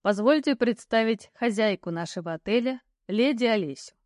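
A woman voicing a haughty, curt male ghost knight who gives slow, growled commands. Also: on the high side, expressive, darkish tone, no room sound, studio quality, natural voice. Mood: dignified.

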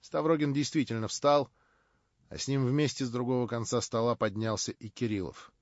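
A man narrating a literary audiobook with dramatic, animated delivery. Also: mid-range voice, moderate pace, no room sound, muffled recording. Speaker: audiobook reader.

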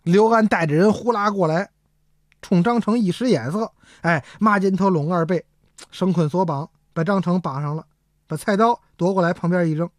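A woman telling a traditional story in a lively, rhythmic way. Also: fairly low pitch, normal speed, dry recording, clean studio sound.

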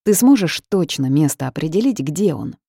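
A woman's voice: deep voice, very animated, normal speed, gravelly, dark tone, husky, no room sound, studio quality, full character voice. A woman voicing a hot-tempered young witch who snaps in exasperated, fiery outbursts.

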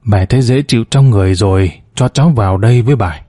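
A man reading the lines of a frail elderly mother lying in a hospital bed, in a gentle, soft way. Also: fairly low pitch, fast, dry recording, clean studio sound, close to an everyday voice. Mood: tender.

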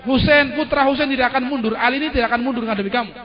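Guy doing a fierce scornful noblewoman, high pitched, dull lo-fi sound. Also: steady tone, rapid-fire. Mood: defiant. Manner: accusing, challenging tone. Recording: dull lo-fi recording.

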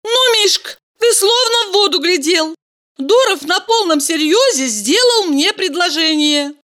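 Reading a storybook, a woman gives a full character voice to a bright, teasing young heroine who sounds very high and lively. Bubbly and chirpy, she speaks in quick exclamations that swing up and down across her whole range.

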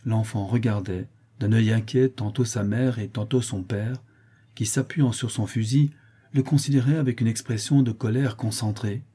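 A man reading a classic short story aloud as an audiobook narrator, in measured storytelling that shifts into the characters' dialogue. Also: fairly low pitch, steady tone, warm tone, breathy edge.

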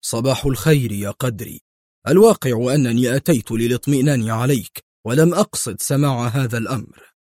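Composed intelligence chief, measured and dryly amused, read by a man. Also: mid-range voice, darkish tone, no room sound, studio quality, close to an everyday voice. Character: calm senior male intelligence director.

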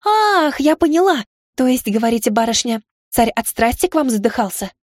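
A woman's voice: a little high, fairly even intonation, a little fast, a little mellow, no room sound, studio quality, natural voice. A woman voicing a plump, eager young maid who gushes breathlessly and lives for love stories. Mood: gushing, eager. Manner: breathless, exclaiming, gasping. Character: eager gushing young maid, romance-hungry.

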